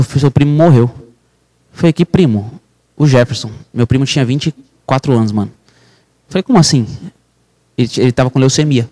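A man's voice: medium pitch, darkish tone. A man, a real estate broker guesting on a podcast, telling an emotional personal story with intense, fervent delivery. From Brazil. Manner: intense, fervent, calls listener "irmão".

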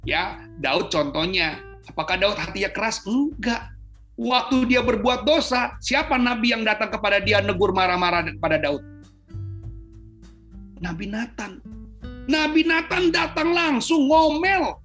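A man preaching a sermon, his voice dropping to low murmurs and then jumping up into high, emphatic bursts. Soft guitar music plays faintly behind him.

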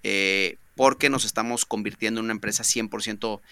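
Mexican guy hosting a chat, bright crisp voice, dry close sound, lots of eh's. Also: lowish voice, fairly even intonation, fairly quick, no echo. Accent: Mexican Spanish. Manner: talkative, many fillers and restarts. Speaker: podcast host. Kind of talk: casual interview chat.

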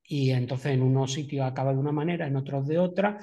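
A man interviewing a guest, asking long questions with many hesitant filler pauses. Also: mid-range voice, mellow.

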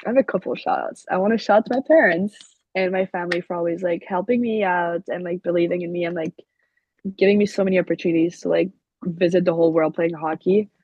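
Fast and slightly rough, a low-ish, steady female voice belongs to a young college hockey player from Quebec, a native French speaker with a Québécois accent. As an interview guest she answers casually and uses "like" constantly as a filler, captured in a dry, dull lo-fi recording.

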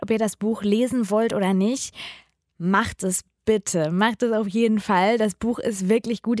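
An enthusiastic woman host chats and introduces the reading in a fairly high voice. The sound is dry and close. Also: dry recording. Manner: chatty, enthusiastic. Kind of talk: casual moderated chat. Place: live reading event with audience.

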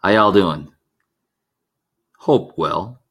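A man with a deep, low voice co-hosts a casual podcast, chatting and telling stories with enthusiasm. His voice is still a little worn from yelling at a match days ago. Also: very slow, husky. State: recovering a lost voice. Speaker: podcast co-host. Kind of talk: casual chat.

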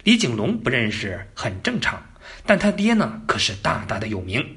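A man's voice: medium pitch, wildly swooping pitch, normal speed, a bit bright. A man telling history as a casual story, colloquial and joking, with asides to the listener. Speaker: narrator.

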